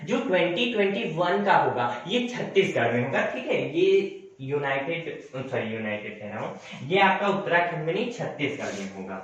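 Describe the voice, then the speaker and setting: A man's voice: a little high, a bit bright. A young man teaching a coaching lesson, repeating points and correcting himself as he addresses students as friends. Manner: repetitive, self-correcting, addresses viewers as friends. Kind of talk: classroom lecture. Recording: very echoey room, distant mic, dull sound.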